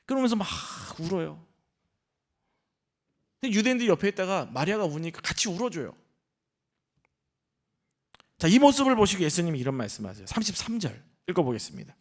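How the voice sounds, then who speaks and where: A senior pastor delivers an animated sermon, asking the congregation questions and acting out the voices of characters in the story. His voice sits high, and he talks fairly quickly, pausing often.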